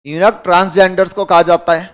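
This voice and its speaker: A man's voice: high-pitched, little pitch movement, brisk. An Indian man teaching a class, explaining rules and firing rhetorical questions at his students. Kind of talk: classroom lecture.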